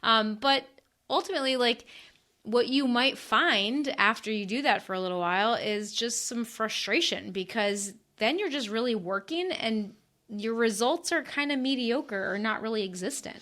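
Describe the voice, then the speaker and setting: A woman's voice: a little high, moderate pace, fairly bright tone. A woman co-hosting a running podcast, talking in an earnest, encouraging casual chat. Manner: earnest, encouraging, frequent "like" and "yeah". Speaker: podcast co-host.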